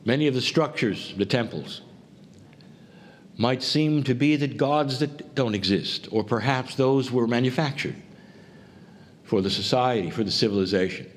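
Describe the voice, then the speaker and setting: A man giving a spiritual channeled talk to a group, speaking in deliberate, solemn phrases with pauses. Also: mid-range voice. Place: live before a group. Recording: faint background noise.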